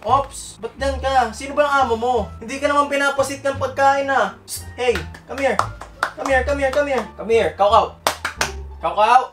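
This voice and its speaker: A man's voice: very high-pitched, normal speed, music in the background. A man vlogging, playfully coaxing his dog and repeating commands over and over. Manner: playful, coaxing, repeats commands, code-switches Tagalog and English. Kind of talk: casual vlog.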